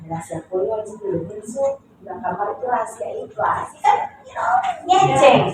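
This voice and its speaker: High-voiced woman teaching in an echoey classroom. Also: background noise. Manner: lively, repeats words with drawn-out stress. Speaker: English teacher. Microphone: distant room recording. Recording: echoey classroom recorded from far off.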